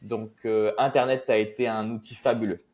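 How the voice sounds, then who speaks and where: A young man from Marseille talks through his story as an interview guest. His voice sits low, and he speaks loosely, pausing on fillers and restarting his sentences. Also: level tone, a little mellow. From Marseille, France. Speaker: guest investor. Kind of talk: casual interview talk.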